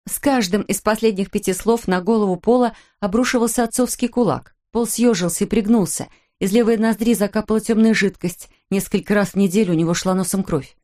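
A woman reading an audiobook in a measured, dramatic narration. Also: medium pitch, warm tone. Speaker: audiobook reader. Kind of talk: scripted narration.

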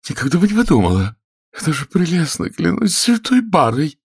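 A man's voice: on the high side, wildly swooping pitch, a little slow, vocal fry, slightly rough, voice pushed up, heavily acted. A man voicing a hot-tempered, lustful noblewoman in a shrieking, breathless voice. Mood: gushing.

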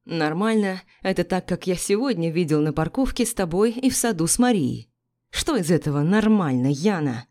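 A woman's voice: low voice, takes it slowly, a little mellow. A woman voicing an icy, menacing ex-husband. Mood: icy menace. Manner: icy, clipped, threatening. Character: cold menacing powerful man, ex-husband.

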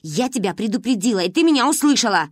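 A woman's voice: on the high side, sing-song, quick pace, dry recording. A stern, threatening older sister who speaks in a firm, raised voice. A woman voices her in a storybook reading. The recording is close and dry.

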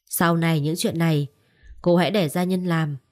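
A woman's voice: deep voice, steady tone, moderate pace, darkish tone, lightly acted. A cold brooding young husband, read by a woman. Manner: curt, cold.

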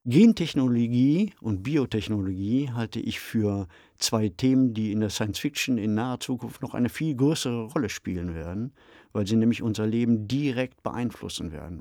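A male podcast co-host with a fairly low, slightly mellow voice discusses radio drama in a reflective, articulate conversational style. The recording is studio quality with no echo.

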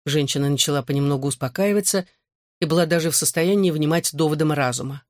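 Man narrating an audiobook, measured. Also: on the high side, no room sound, clean studio sound. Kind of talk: scripted narration.

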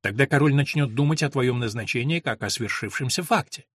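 A scheming noblewoman mother lays out her plans in a firm, instructive tone, as a male reader puts her on. The delivery sits at a middle pitch. The sound is dry and close. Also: fairly quick, fairly bright tone, slightly rough, dry recording.

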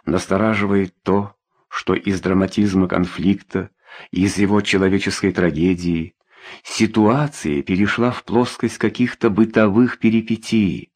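A man reading a novella aloud as an audiobook narrator, in a measured, expressive way. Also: low-pitched. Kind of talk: scripted narration.

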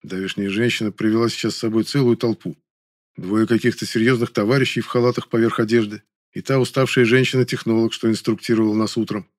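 A man's voice: on the low side, steady tone, fast talker, dry recording. A man reading an audiobook with dry, ironic storytelling. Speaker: narrator. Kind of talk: audiobook narration.

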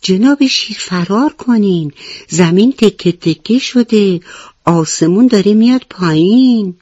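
A woman's voice: lowish voice, expressive, darkish tone, no echo, muffled recording. A woman voicing a big elephant who trembles with fear and speaks deferentially. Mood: frightened. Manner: fearful, deferential.

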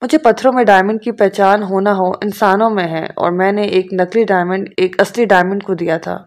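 A woman's voice: mid-range voice, steady tone, close to an everyday voice. A woman reading the lines of an earnest young man proposing marriage, in a sincere, eager way.

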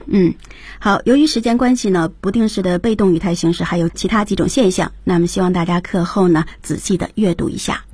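A woman's voice: fairly low pitch, brisk, a little mellow, slightly rough, dry recording. A woman hosting a radio English lesson, reading English dialogue lines and prompting the teacher. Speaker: radio program host. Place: radio studio.

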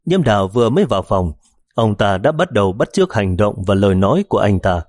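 Low-voiced male audiobook narrator. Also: very animated, quick pace, a little mellow, no room sound.

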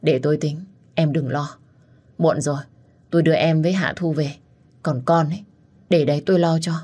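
A woman's voice: sits low, fairly even intonation, moderate pace, dark tone, husky. A woman voicing a poor, hardworking uncle who pleads anxiously for his son. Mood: steady. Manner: pleading, worried.

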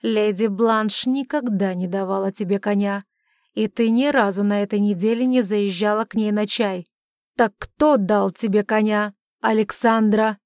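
A woman voicing a stern, furious middle-aged father who accuses and shouts at his daughter in an audiobook. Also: mid-range voice, steady tone, moderate pace, no room sound, studio quality, natural voice. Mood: angry.

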